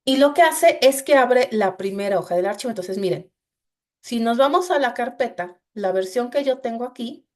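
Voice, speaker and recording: A woman's voice: a little high, expressive, normal speed, a little mellow. A woman teaching a screen-share coding lesson, explaining each step to her students and often saying "entonces". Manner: explanatory, addresses students directly with frequent "entonces". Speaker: instructor.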